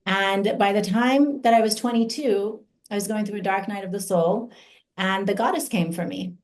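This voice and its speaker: Over a rough recording, a medium-pitched woman in her forties shares her earnest personal testimony as an invited speaker; she grew up in Iran. Her delivery is slow and deliberate, marked by emphatic pauses.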